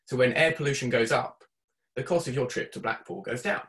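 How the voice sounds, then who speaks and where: A man presenting a student campaign pitch on a video call, his voice sitting at an ordinary middle pitch. He sounds upbeat and keen and fills the gaps with "um" as he moves through his slides. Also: brisk. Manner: upbeat, steady pitch with fillers.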